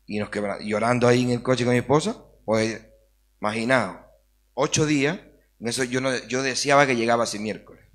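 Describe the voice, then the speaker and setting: A man's voice: mid-range voice, a little fast. A man sharing an earnest personal faith testimony as an interview guest, acting out the dialogue as he tells it. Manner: earnest storytelling, acts out dialogue.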